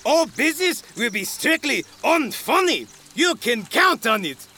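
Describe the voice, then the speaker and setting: Very high, groovy disco hero. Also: female voice, big pitch swings, measured pace, bright, forceful tone, full character voice. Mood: confident. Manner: bubbly, showy. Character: exuberant, groovy disco-loving cartoon hero, Doctor Disco. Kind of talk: animated cartoon character acting. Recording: music behind the voice.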